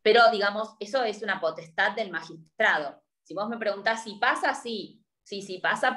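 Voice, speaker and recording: A woman's voice: mid-range voice, fairly bright tone. Argentine woman lecturing in a roomy echo. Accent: Argentine Spanish. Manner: explanatory, checks in often with a questioning "right?". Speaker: university law lecturer. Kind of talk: online university lecture.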